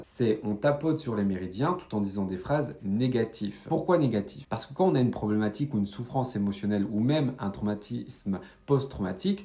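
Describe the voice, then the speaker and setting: Young man, mellow voice, echoey room, direct lively talk to viewers. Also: mid-range voice, a little hiss or hum. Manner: lively, direct, addresses viewers, frequent fillers. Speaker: certified EFT practitioner and channel host. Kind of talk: casual explanatory video talk.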